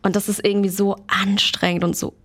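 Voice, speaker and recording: A woman's voice: mid-range voice, flat delivery, a little fast, a bit bright. A young woman, chatting as an interview guest and mixing in English phrases. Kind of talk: casual interview chat.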